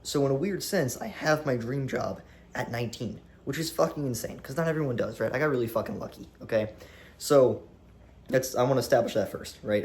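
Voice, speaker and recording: A young man around twenty vlogging to a camera on a tripod, animated and rambling, with swearing and restarts. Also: mid-range voice, a little hiss or hum. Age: young adult. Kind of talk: casual talk to camera.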